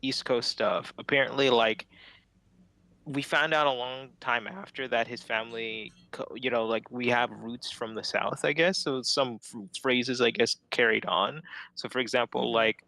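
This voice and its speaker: A man's voice: medium pitch, fairly even intonation, moderate pace, gravelly, pushed and bright, rough recording. A man chatting casually, rambling and laughing often. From Philippines. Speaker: streamer chatting while drawing. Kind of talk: casual chat.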